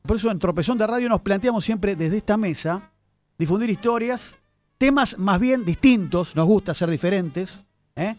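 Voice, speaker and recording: A man's voice: sits high, normal speed, a little mellow, faint music behind. A man presenting a chatty radio segment on word origins, addressing his listeners as he tells the story. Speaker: radio columnist. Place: radio studio.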